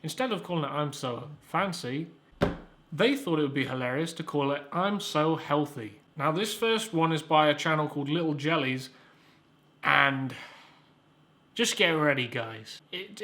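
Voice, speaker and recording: A man's voice: fairly high pitch, moderate pace, bright, forceful tone. A young man hosting a comedic review, rambling and sarcastic, with stammered restarts and casual swearing. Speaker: YouTube reviewer, host. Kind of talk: casual comedic video commentary.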